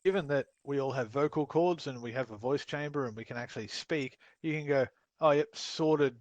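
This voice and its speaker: A man running a casual voice-chat training session, blunt and sweary, acting out quick quoted exchanges. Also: mid-range voice, a little mellow, no echo. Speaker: training instructor.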